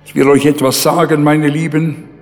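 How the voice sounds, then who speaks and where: A man preaching a sermon in a slow, emphatic way, pausing often and swinging his pitch widely between low and high. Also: level tone, darkish tone, big-room sound, soft background music.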